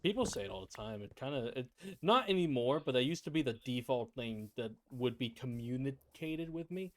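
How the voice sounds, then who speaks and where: A man's voice: medium pitch, expressive, brisk. Male streamer, casual game chat, playful self-deprecating banter, mid-range voice. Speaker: streamer and gameplay host.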